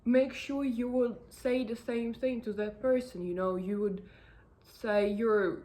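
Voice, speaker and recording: A woman's voice: fairly high pitch, fairly even intonation, unhurried. Earnest rambling woman vlogger. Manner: rambling, heavy on fillers and restarts; earnest, gently encouraging. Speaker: self-help vlogger. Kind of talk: casual advice talk to camera.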